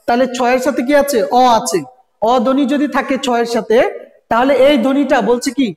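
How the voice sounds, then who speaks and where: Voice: high voice, steady tone, fairly quick, a little mellow. A teacher giving a recorded grammar lesson, constantly asking students rhetorical questions and repeating sounds. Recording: echoey room with long reverb.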